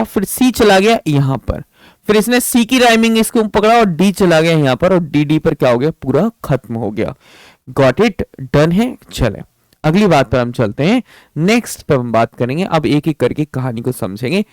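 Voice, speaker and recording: A man teaching English grammar in an exam-prep lecture with an Indian accent, reading English lines slowly and then explaining them in Hindi, often asking a question and answering it himself. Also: high voice, no echo, poor audio.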